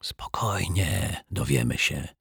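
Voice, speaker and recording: A man voicing a young girl sidekick in an audiobook, speaking in a hushed whisper. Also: fairly low pitch, animated, slow, vocal fry, breathy edge, no echo, studio quality, pitched above the performer's own voice, heavily acted. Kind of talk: audiobook character voice.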